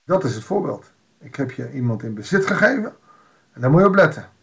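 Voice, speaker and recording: A man's voice: medium pitch, big pitch swings, brisk, vocal fry, a bit bright. A man giving an informal Bible devotional, reading a passage aloud and explaining it in a conversational way with wry asides.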